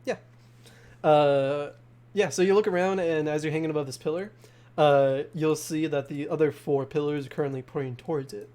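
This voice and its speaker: Guy dm narrating, kinda higher voice, lots of uh and like. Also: fairly even intonation, a little mellow. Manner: halting, descriptive, full of "uh" and "like". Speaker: game master. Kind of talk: narrating a tabletop game.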